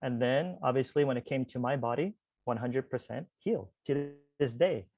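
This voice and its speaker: At a normal speed and in a mid-range voice, a man in his forties, a guest spiritual teacher on a podcast, relates a personal story with lots of chatty energy. The recording is dry, and he often speaks to listeners in asides heavy with "like" and "you guys."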